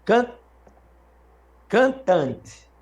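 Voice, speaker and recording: High-voiced Brazilian man teaching Latin. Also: sing-song, darkish tone, lo-fi sound. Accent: Brazilian Portuguese. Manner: patient, drills students with questions; repeats and slows words to model them. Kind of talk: live classroom lesson.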